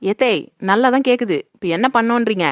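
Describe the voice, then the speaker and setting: A woman voicing a sassy young daughter-in-law who talks back fast and never stops for long. Her voice sits at an everyday middle pitch, recorded close and dry. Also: no echo, muffled recording, lightly acted. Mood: defiant. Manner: quick, sassy back-talk. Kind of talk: comedy skit acting.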